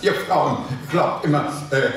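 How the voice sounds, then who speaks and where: A man plays a petulant henpecked husband in a live comic sketch, his fairly high voice bouncing about as he blusters and protests. It sounds distant and echoey, caught across a theater with audible room noise. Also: unhurried, a bit bright. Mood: blustering. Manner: blustering, indignant, chuckling. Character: petulant henpecked husband plotting against wife. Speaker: actor in a staged reading. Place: theater stage before an audience. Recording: echoey, noisy live theater recording from afar.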